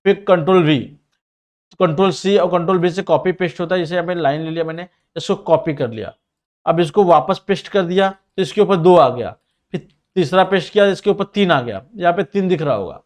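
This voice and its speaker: Speaking with a Mumbai Hindi accent in a slightly high voice, a male instructor shows learners how to model a ring in CAD software through a screen recording. He narrates each action clearly and directly, noting that he sometimes talks fast.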